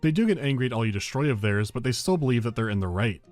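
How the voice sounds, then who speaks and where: A man's voice: medium pitch, animated, fast, a little mellow. A man narrating a scripted video game review with dry, wry humour. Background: game music.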